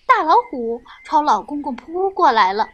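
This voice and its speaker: A woman narrating a children's story, slow and expressive, speaking to young listeners. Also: high-pitched, dull audio, a little hiss or hum.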